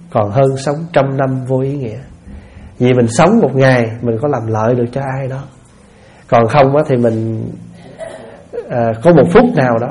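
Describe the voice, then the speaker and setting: Male monk, relaxed warm tone, folksy sermon that keeps checking in with listeners. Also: mid-range voice, slight background noise. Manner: folksy, asks listeners rhetorical questions. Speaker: Buddhist monk giving a dharma talk. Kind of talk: conversational sermon.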